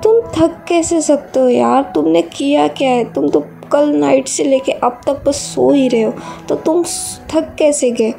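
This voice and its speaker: A woman's voice: on the high side, fairly even intonation, moderate pace, creaky, mellow, soft background music. A woman voicing a caring, fussy young man in a read-aloud story, earnest and a bit exasperated. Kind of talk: reading a fan fiction story aloud.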